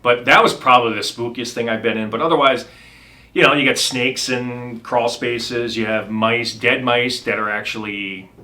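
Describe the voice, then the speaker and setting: Telling casual stories from his work as a home inspector, a middle-aged man speaks in a bright, forceful, mid-range voice with fairly even intonation. His talk is loose and rambling, full of um pauses and restarted sentences.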